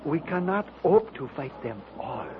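An actor playing a cautious, courteous French lieutenant with a French accent, earnestly reasoning in 1930s radio drama style. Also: male voice, a little high, very animated, unhurried. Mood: earnest, urgent. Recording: dull, noisy old radio recording.

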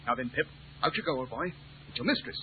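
An actor playing a brisk, self-assured British detective with a crisp, commanding, theatrical delivery in an old radio drama. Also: male voice, mid-range voice, expressive, close to an everyday voice. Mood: excited. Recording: tinny, noisy old radio recording.

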